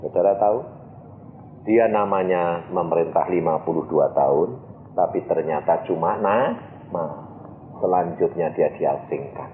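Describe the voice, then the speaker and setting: A middle-aged preacher, delivering a sermon and acting out dialogues, swinging from quiet to loud. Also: male voice, sits low, measured pace, long pauses, a little hiss or hum. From Indonesia. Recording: tinny, echoey church PA recording.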